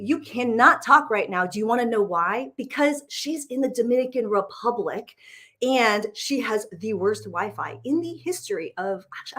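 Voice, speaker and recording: A woman's voice: mid-range voice, fairly bright tone. A woman hosting a live stream, talking in a bubbly, enthusiastic way. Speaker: host.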